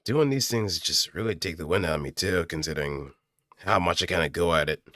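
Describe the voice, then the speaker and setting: Speaking briskly in a deep but fairly bright voice, a man rambles informally to himself between practice voice lines as an amateur voice actor. He uses a close studio mic through an audio interface, so there's no room sound.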